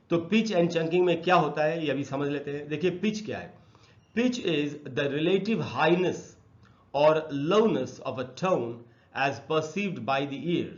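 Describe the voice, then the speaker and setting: Man teaching slowly, dull lo-fi sound. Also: fairly high pitch. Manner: explains in Hindi, reads English definitions slowly and deliberately. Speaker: English teacher. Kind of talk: explanatory lesson.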